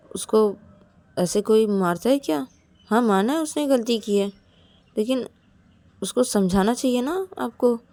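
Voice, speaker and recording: A woman's voice: mid-range voice, mellow, natural voice. A woman voicing a worried young woman who pleads with and reproaches her partner in a storybook.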